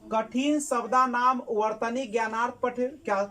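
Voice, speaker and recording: A woman's voice: fairly high pitch, fairly even intonation, measured pace, bright, forceful tone. A woman teacher giving an exam-prep lesson, asking the class questions and answering them herself, repeating key words.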